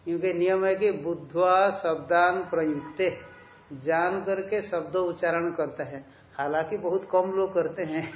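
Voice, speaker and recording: A man with a fairly high voice delivers a scriptural commentary lecture, posing questions and answering them with simple examples. The sound is echoey and a bit dull and lo-fi, as if taped in a bare hall. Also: steady tone, unhurried, a little hiss or hum. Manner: reads and corrects a text line by line with students. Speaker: spiritual teacher. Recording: echoey, dull lo-fi room recording.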